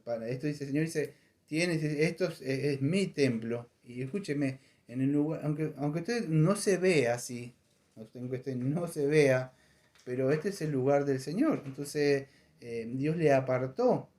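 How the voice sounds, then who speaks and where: A man preaching a conversational sermon in a church, animated and acting out voices in his stories. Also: on the high side, a little slow. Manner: animated, acts out voices in anecdotes. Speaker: pastor.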